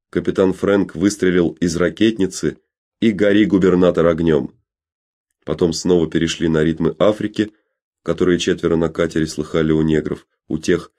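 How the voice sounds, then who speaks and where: Deep-voiced male audiobook narrator. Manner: measured, even reading.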